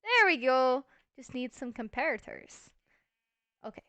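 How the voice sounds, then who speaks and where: A woman's voice: high voice, very animated, unhurried, sharp tone, dry recording, faint music behind. A woman hosting a casual gameplay video, chatty and thinking aloud with playful self-mockery. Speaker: Minecraft let's-play host.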